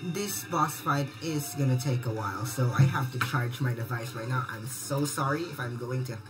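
Woman host, deep for her range, jumpy and teasing let's-play chatter over loud game music. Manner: excitable, taunting, breaks into squeals and rambling apologies. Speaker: gameplay channel host. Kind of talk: casual gameplay commentary.

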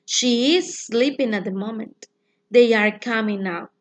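A woman teaching an English grammar lesson, explaining rules slowly and clearly and reading example sentences. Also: a little high. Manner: clear, slow explanations with spelled-out endings.

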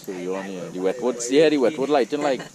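A man's voice: mid-range voice, lively intonation, fast talker, a crowd in the background. A Trinidadian man casually narrating a nighttime outdoor cookout vlog for the camera, easygoing and chatty, laughing often. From Trinidad and Tobago. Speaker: vlogger.

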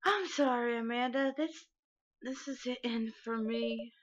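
A woman's voice: a little high, a little slow, highs cut off, natural voice. A woman reading the lines of a playful, melodramatic father in her own voice. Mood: mock-dramatic. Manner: melodramatic, mock-solemn. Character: dramatic sleepy single dad, playful. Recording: game music playing behind.

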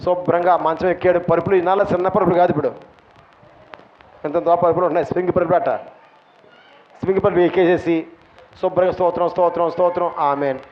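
Male pastor preaching, high voice, impassioned swings from shouts to hushed asides, dull lo-fi church recording. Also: steady tone, quick pace, pauses often. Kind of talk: sermon. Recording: dull lo-fi recording, faint room noise.

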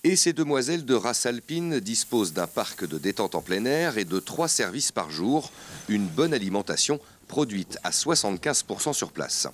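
A man reading scripted news narration as a reporter, with an expressive delivery. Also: fairly low pitch, moderate pace.

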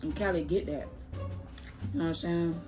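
A woman's voice: lowish voice, steady tone, moderate pace, music in the background. A young adult woman talking casually and slangily to viewers with food in her mouth, chewing while she talks. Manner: slangy, informal, addresses viewers as bro and y'all. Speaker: mukbang vlogger. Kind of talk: casual chat while eating. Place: small room at home, indoors.

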